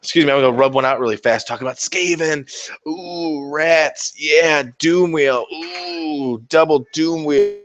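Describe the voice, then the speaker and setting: A man mimicking an overexcited male tabletop gamer who gushes and swoons, ending in a squealing shout. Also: a little high, measured pace, pitched above the performer's own voice. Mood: swooning. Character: gushing, overexcited male rat-army gamer.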